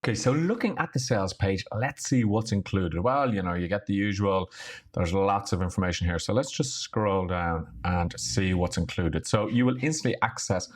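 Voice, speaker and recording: A man hosting a weekly online show, giving an upbeat, chatty software review. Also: deep voice, moderate pace, slightly rough.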